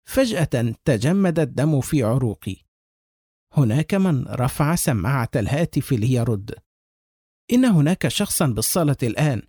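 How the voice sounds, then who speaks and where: Man reading a scary story aloud, tense and suspenseful, husky voice, pitch swings a lot. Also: mellow, dry recording, studio quality. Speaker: narrator. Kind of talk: dramatic horror story reading.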